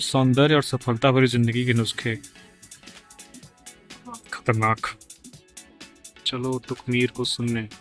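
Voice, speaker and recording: A man's voice: mid-range voice, a bit bright. A young man, making a joking vlog with wry asides as he wanders a book fair. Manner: joking, wry asides, switching between Hindi and English. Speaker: vlogger. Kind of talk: casual comic vlog narration.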